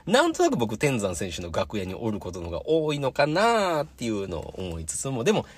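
A young man with a Kansai Japanese accent tells stories alone on a podcast, and his husky voice swings widely up and down. He talks quickly and keeps things chatty and animated. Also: medium pitch. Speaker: podcast host. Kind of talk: casual solo podcast storytelling.

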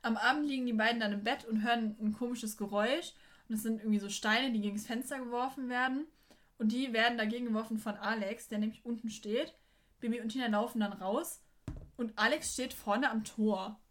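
A woman's voice: fairly high pitch, steady tone, fairly quick. A woman recapping a story in casual chat, sarcastic and often laughing. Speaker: podcast co-host recapping episodes.

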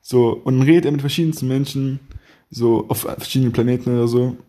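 Laughing young man, mellow voice. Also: medium pitch, fairly even intonation, fast talker. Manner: laughs often, rambling with slang and restarts. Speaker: podcast host. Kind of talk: casual podcast chat.

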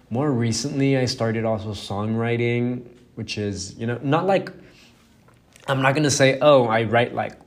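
Gravelly and on the low side, the voice belongs to a young man whose native tongue is Spanish. Hosting his podcast alone, he talks loosely and self-deprecatingly, peppering it with fillers and curses.

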